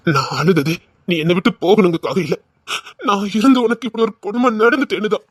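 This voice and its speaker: A man plays a husband in a drama, forceful and choked with tears as he pleads and vows revenge. His mid-range voice is recorded close and dry, with no room sound. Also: high-pitched, animated, fast, dry recording. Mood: furious grief. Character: grieving, furious husband, loyal and vengeful.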